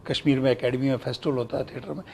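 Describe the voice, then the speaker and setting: A man's voice: mid-range voice, racing, creaky. A middle-aged man from Kashmir, an actor and broadcaster animatedly recalling his career in an interview and acting out old conversations. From Kashmir, India. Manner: animated storytelling, acts out quoted exchanges.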